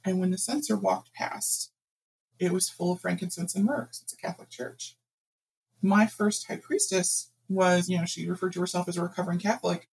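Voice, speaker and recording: A woman guest author telling anecdotes in a casual interview, animated and laughing often. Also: on the low side, fairly quick, gravelly, husky, poor audio.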